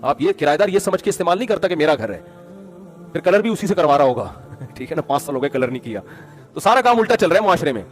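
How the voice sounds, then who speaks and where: A man giving a conversational sermon full of stories, lively, calling his listeners brother. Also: a little high, faint music behind. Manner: lively, addresses listeners as brother, acts out quotes. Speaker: religious speaker.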